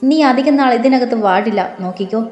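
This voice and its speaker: A woman's voice: fairly high pitch, fast talker, a little mellow, close to an everyday voice. A woman playing a spiteful, jealous young rival. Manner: taunting, hostile. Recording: roomy with faint music.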